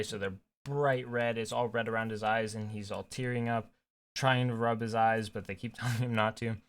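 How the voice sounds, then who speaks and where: A man's voice: mid-range voice, a bit bright. A young man telling a work story in a casual, chatty way, often restarting his sentences. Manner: chatty, with frequent restarts and fillers. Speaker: storytime vlogger.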